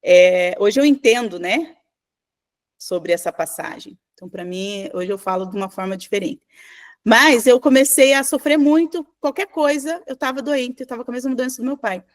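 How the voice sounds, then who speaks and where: A woman's voice: on the high side, moderate pace. Chatty woman teaching a class. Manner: chatty, animated storytelling with asides to the class. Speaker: spiritual teacher. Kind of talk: informal online class.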